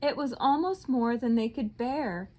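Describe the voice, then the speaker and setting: Teacher reading a picture book aloud: woman, slow and expressive, higher voice. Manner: slow, expressive storytelling with soft dips on tag lines.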